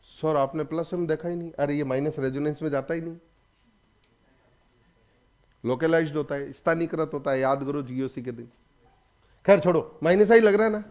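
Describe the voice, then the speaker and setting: Male chemistry teacher, high voice, brisk and quizzing. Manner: lively, prods students with quick questions. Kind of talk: classroom lecture.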